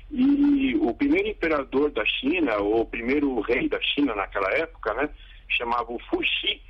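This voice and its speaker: Husky man, gravelly, on a crackly breaking phone line. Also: mid-range voice. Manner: hesitant, many fillers and restarts. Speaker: interview guest, pharmacist and acupuncture specialist. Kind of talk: explanatory phone-in interview. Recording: muffled crackly phone call.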